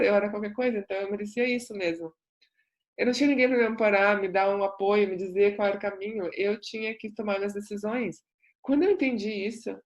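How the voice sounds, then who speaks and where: Earnest woman sharing testimony. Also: mid-range voice. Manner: earnest, reflective, repetitive emphasis. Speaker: self-development coach. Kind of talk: personal testimony monologue.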